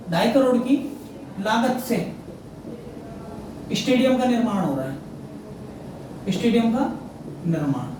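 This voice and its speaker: A man's voice: extremely high pitch, a little mellow. A man teaching an exam prep lesson, asking questions and answering them himself and repeating each fact. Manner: repeats facts, quizzes himself, frequent "theek hai na". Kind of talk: current affairs lesson. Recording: very echoey room, mic far off, faint noise.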